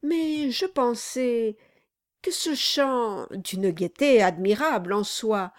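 A woman's voice: on the high side, slow, voice pushed up. A woman voicing an obsequious, nervous male lawyer who speaks hesitantly and deferentially in an audiobook. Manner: fawning, hesitant, deferential "monsieur".

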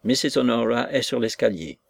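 A man doing an overjoyed shouting manservant. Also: mid-range voice, animated, moderate pace, gravelly, no echo. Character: excited young manservant, man.

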